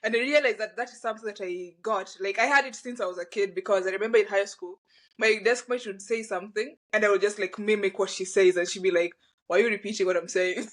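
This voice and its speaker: Animated young Kenyan woman telling stories. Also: medium pitch, fast talker, low-quality recording. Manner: storytelling, animated, laughs between phrases. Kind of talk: casual chat.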